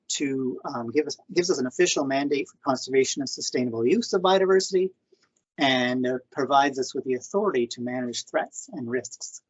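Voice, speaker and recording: Husky, gravelly man presenting on a video call. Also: mid-range voice. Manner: hesitant, many fillers and restarts. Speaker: government conservation presenter. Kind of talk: online information session presentation. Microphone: computer mic on video call. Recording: muffled lo-fi video call audio.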